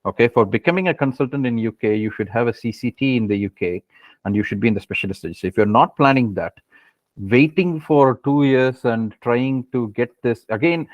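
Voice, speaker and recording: A man's voice: mid-range voice, no room sound. Indian-accented man, dull dry online audio. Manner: reassuring, repeats short phrases. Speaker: webinar lecturer, surgeon. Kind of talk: informal advice in an online question session.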